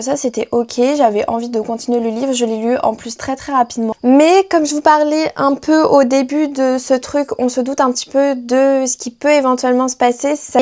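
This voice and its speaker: A woman's voice: a little high, a little mellow. A young woman reviewing books in a casual vlog, chatty and full of fillers and restarts. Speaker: book vlogger.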